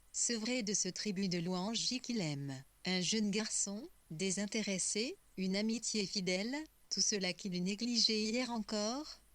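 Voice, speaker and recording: A woman's voice: medium pitch, dry recording, natural voice. A woman reading as an ambitious, scheming young man. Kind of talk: audiobook reading.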